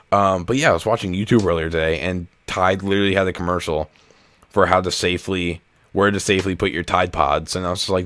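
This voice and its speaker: A young man with a very deep voice co-hosts a comedy podcast. He explains things at length in a casual, blunt way and drops the odd swear word. The sound is dry and close, with no room echo. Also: a bit bright. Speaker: podcast co-host. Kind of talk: casual chat.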